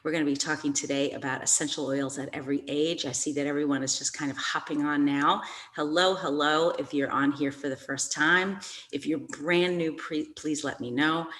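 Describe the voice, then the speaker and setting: A woman's voice: deep voice, steady tone, moderate pace, a bit bright. A middle-aged woman giving an informal, chatty live online class from a stairwell in a house, speaking directly to her viewers as a presenter.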